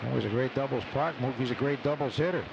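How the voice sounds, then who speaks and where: Working an open broadcast booth at an outdoor ballpark, a man calls a baseball game live for radio over loud crowd ambience. His mid-range voice is creaky and quick, and the recording sounds muffled and noisy.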